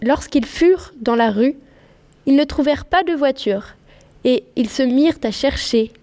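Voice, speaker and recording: A woman reading a classic story aloud in a flowing, expressive scripted narration. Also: sits high, a little slow.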